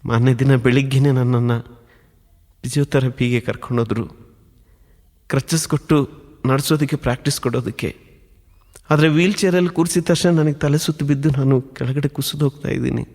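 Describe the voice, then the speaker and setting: A man's voice: medium pitch, fairly even intonation, a little fast, long pauses, darkish tone. A man preaching, telling his personal testimony in an earnest, emotionally building storytelling manner. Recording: long hall reverb.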